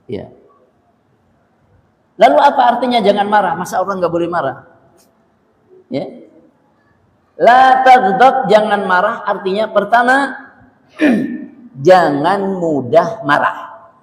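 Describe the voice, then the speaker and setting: Male preacher, high voice, chatty lecture, long reverb. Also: very animated, unhurried, long pauses. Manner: conversational, repeats phrases for emphasis, asks the audience questions. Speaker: Islamic preacher. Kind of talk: religious lecture.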